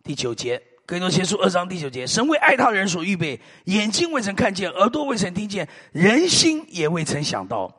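Middle-aged preacher, man, high and husky, long hall reverb. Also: a little fast, few pauses. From Taiwan. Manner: animated storytelling with frequent hallelujahs and amens. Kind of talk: sermon.

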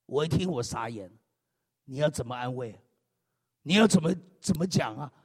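A male pastor preaching an animated, humorous sermon, punctuating it with frequent hallelujahs and amens. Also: mid-range voice, moderate pace, husky, big-room sound.

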